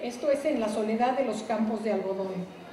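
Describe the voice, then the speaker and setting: A woman gives a reflective public talk about her translation work, pausing often with fillers and restarts. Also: a little high, roomy sound, a crowd in the background, rough recording. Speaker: literary translator.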